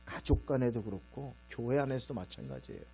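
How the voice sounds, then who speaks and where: A middle-aged man pastor giving a sermon in a relaxed, conversational way, telling a homely story and acting out his own stern and gentle voices. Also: brisk. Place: church sanctuary. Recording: low mains hum behind the voice.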